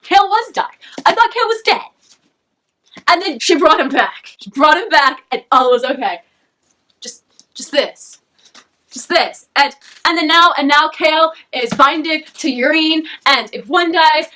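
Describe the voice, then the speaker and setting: A young woman gushing and rambling through a casual book review, excitable, with many restarts and squeals. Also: high voice.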